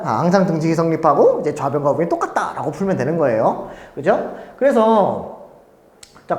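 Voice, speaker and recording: Male cram-school math tutor, chatty and animated, pitch swings wide, echoey classroom. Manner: chatty, animated, mimics students in high squeaky voices. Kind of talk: casual classroom lecture.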